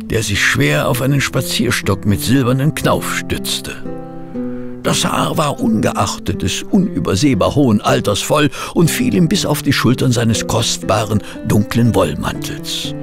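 An actor playing Dr. Watson, a fussy, loyal gentleman companion and narrator, in a formal, old-fashioned German audio drama. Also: lowish voice, vocal fry. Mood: measured storytelling.

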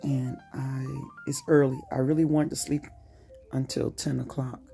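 A woman's voice: very deep voice, flat delivery, normal speed, vocal fry, warm tone, soft background music. Chatty woman vlogging on her phone. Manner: chatty, self-motivating, talks to the camera while doing chores. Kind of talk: casual self-filmed vlog. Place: home, bedroom then kitchen. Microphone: phone held at arm's length.

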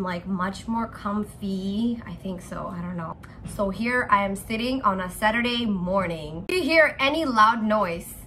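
Bright, giggly young woman vlogging. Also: fairly high pitch, a little hiss or hum. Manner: chatty and giggly, lots of "like" fillers; self-mocking and playful. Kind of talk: casual chat vlog. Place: at home indoors.

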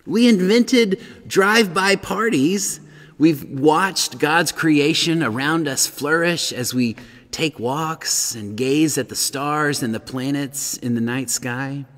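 A middle-aged man preaching a sermon as pastor, earnest and growing animated as he reads, in a large empty church sanctuary. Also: medium pitch, in a large hall.

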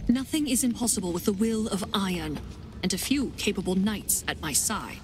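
An actress voicing a vengeful warrior queen in a video game, a grieving mother with iron will who speaks gravely and with command. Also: mid-range voice, normal speed, background noise, natural voice. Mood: resolute. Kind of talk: video game character dialogue. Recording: music behind the voice.

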